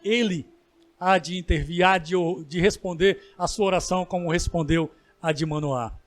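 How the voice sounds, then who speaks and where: A Brazilian man preaching as a pastor, building to emphatic bursts and then slowing into drawn-out pleas. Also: sits high. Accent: Brazilian Portuguese. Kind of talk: sermon.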